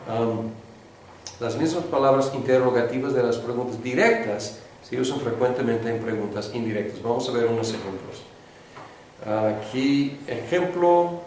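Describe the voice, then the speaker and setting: A man's voice: medium pitch, moderate pace, darkish tone. A man teaching a class as the students repeat after him, hesitant, with many fillers and restarts. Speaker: Greek teacher. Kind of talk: classroom lecture with call-and-response. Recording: echoey room, distant mic, faint hiss.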